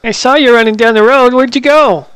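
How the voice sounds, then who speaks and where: A man talking through a high-pitched squirrel voice changer on a gaming headset, calling out questions to other players in voice chat. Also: a little fast, a bit bright, clear, resonant tone, no room sound. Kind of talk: in-game voice chat with strangers.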